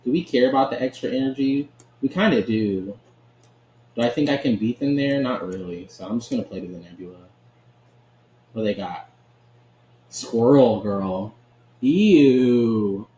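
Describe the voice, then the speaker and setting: A man's voice: medium pitch, normal speed, pauses often, warm tone, highs cut off. A man giving casual, chatty commentary while he plays a card game, often laughing and checking in with "right?". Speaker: gaming channel host. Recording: echoey room with faint ambient noise.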